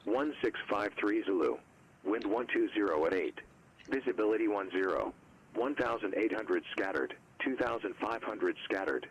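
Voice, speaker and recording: A man reading an airport weather broadcast over the radio in a steady, clipped recitation of figures. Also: lowish voice, normal speed, a little hiss or hum, rough recording. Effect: recorded airport radio broadcast.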